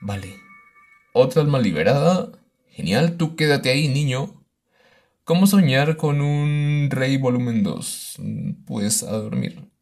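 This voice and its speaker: A man's voice: medium pitch, lively intonation, slow, a little mellow. A man doing let's play commentary of a horror game, exclaiming and talking to the baby on screen. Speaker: gaming YouTuber.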